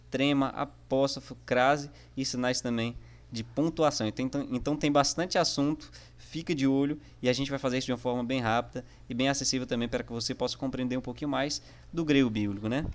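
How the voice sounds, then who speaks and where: Man teaching a relaxed online class. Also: mid-range voice. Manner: friendly, repetitive, with frequent "né?" and "tá?" fillers. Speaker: online teacher of biblical Greek. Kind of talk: casual explanatory lesson.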